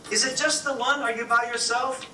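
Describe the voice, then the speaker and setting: A man's voice: extremely high pitch, flat delivery, fairly quick, bright, forceful tone, slight background noise, exaggerated voice. A man voicing a prankish restaurant hostess woman with a sly, impish manner. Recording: echoey room, distant mic, music behind.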